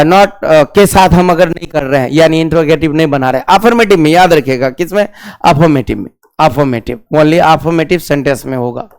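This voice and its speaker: High-voiced grammar teacher, clear. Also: male voice. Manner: repeats key words, asks questions then answers them. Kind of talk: classroom grammar lesson.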